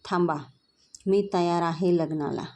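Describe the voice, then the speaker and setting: A woman plays a timid young bride in a storybook reading, faltering as she speaks. The tone is low and mellow. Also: steady tone, a little slow, close to an everyday voice. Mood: resolute.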